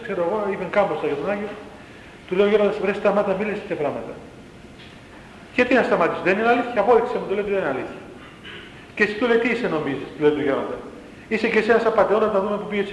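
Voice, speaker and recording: Brief: male monk storyteller, lively and animated, higher-pitched, recorded in an echoey hall, dull sound. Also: a little hiss or hum. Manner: animated storyteller, acting out the quoted voices. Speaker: monk recounting memories of an elder. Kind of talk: spoken storytelling talk.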